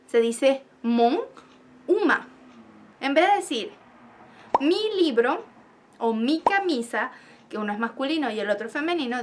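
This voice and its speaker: A woman teaching a French grammar lesson on video, who slows down to spell out and repeat each example. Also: high-pitched.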